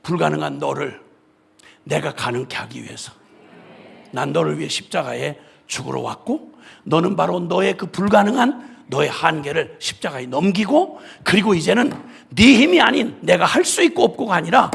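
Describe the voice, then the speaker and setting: A male preacher voicing a gentle, consoling Lord speaking to a failed disciple, soft and reassuring, in a gravelly, husky voice. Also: on the high side, animated, moderate pace, exaggerated voice. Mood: tender. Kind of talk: acted quote within a sermon.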